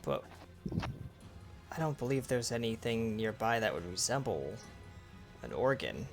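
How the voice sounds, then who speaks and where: A man playing a calm, matter-of-fact male adventurer in a tabletop fantasy game. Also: lowish voice, a little slow, music in the background. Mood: puzzled.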